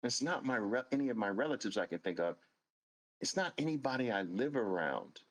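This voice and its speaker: A man's voice: medium pitch, sing-song, a little fast, low-quality recording. A man in his late fifties, hosting a show and telling a personal story in an earnest, emphatic way, repeating phrases for stress. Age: 50s. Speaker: host.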